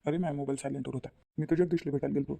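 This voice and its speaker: A woman's voice: low voice, steady tone, racing, creaky, warm tone, no echo, pitched below the performer's own voice. A woman voicing an evasive young husband in a family cartoon, speaking offhandedly. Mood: excusing.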